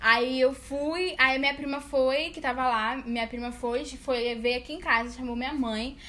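A woman's voice: high-pitched, steady tone, normal speed, pushed and bright. A young Brazilian woman with a Brazilian Portuguese accent, telling a school story in a casual chat among friends and often breaking into laughter. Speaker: podcast co-host telling a story.

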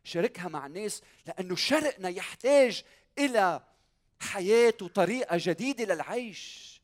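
A man's voice: high-pitched, lively intonation, moderate pace. A man with a Lebanese Arabic accent preaching a church sermon as a pastor, emphatic, repeating key phrases and putting rhetorical questions to his listeners.

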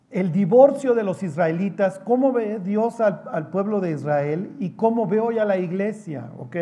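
A man's voice: high-pitched, warm tone. A man preaching a humorous Bible study, colloquial and joking, checking in with "¿ok?" all the time. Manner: colloquial and joking, asks "¿ok?" often.

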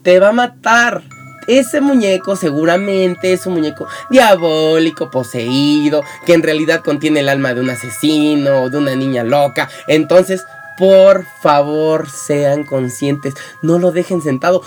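Mexican accent, comedic advice monologue, playful, put-on voices for little scenes, medium pitch, faint background music. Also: a little slow, a little mellow. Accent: Mexican Spanish. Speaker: show host.

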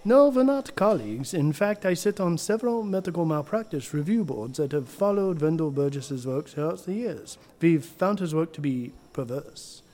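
A stern, disdainful doctor acted by a man in an audio drama, speaking in a slightly high yet mellow voice. His formal delivery is haughty and indignant. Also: expressive, normal speed, hardly any pauses, natural voice. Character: stern, disdainful male doctor on review boards. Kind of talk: scripted comedy-horror audio drama.

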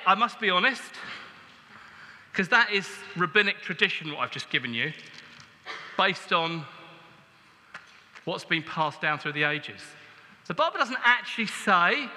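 A man preaches a sermon in a high, sharply bright voice. His delivery is conversational and joking, and it swells into emphasis. A long echo from a large church hall trails behind his words.

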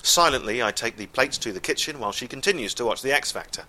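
A man telling a comic story live, wry and exasperated, with deadpan asides. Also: medium pitch, fast.

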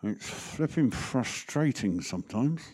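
A man preaching as the vicar of his parish. His voice sits at a middle pitch, and his manner is candid and conversational, full of asides and wry jokes. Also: expressive, takes it slowly, a little mellow, husky. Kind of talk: sermon.

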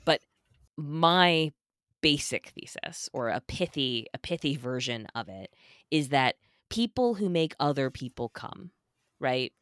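Low-voiced, animated woman guest. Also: unhurried, clear, resonant tone, no echo, clean studio sound. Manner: animated, emphatic, keeps tagging points with "right?". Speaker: guest, sex worker rights advocate. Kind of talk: conversational podcast interview.

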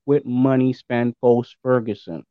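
A man's voice: medium pitch, fairly even intonation, unhurried, dry recording, narrow, tinny audio. A man speaking as a podcast guest in casual, opinionated football chat, emphatic and repeating his points. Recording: thin, band-limited remote call sound.

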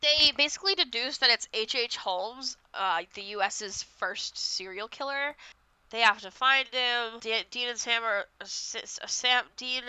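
A woman's voice: on the high side, unhurried, bright, forceful tone, smooth, no echo, poor audio. A woman co-hosting a podcast, congested, chatting casually and rambling through an episode recap while acting out characters' lines. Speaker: podcast co-host.

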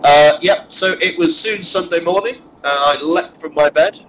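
A man whose voice is on the high side and fairly bright speaks at normal speed, the rough recording having a little hiss or hum. Nasal with a head cold, the podcast co-host drives and chats casually about a wargaming tournament, restarting often with lots of filler.

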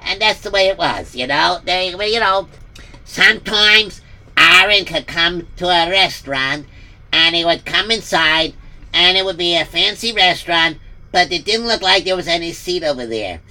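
A man's voice: high-pitched, expressive, moderate pace, bright, forceful tone. A man narrating a story casually, rambling with many fillers and repetitions.

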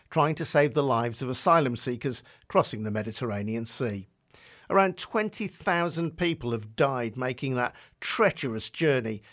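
A man with a mid-range voice hosts a news podcast. He reads his scripted introduction in an earnest, clearly articulated way and then turns to questioning his guest. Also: medium pitch. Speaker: podcast host. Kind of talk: scripted news narration and interviewing.

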